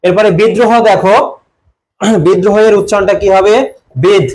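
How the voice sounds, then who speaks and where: A young man with a Bangladeshi Bengali accent coaches students for admission exams in a live online class. His high-pitched voice is steady with a darkish tone, at normal speed. He keeps repeating quiz questions, answers them himself, and reads commenters' names out.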